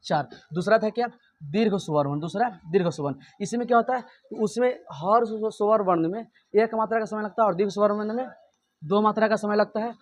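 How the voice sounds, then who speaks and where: High-voiced man teaching grammar drills. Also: brisk. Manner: asks the class questions and answers them himself, repeating each point. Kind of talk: blackboard grammar lesson.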